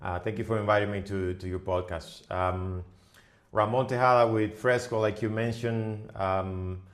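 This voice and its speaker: A middle-aged man from the Dominican Republic with a fairly low voice, talking as a guest on a business podcast. He speaks haltingly, restarting phrases and filling pauses as he works through his thoughts. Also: steady tone. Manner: halting, many fillers and restarts. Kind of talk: podcast interview.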